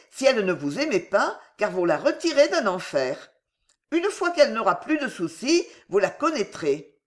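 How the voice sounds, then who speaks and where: Femme jouant une femme de chambre rusée et bavarde. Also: female voice, mid-range voice. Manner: voluble, wheedling, theatrical. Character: young cunning female chambermaid, glib and persuasive.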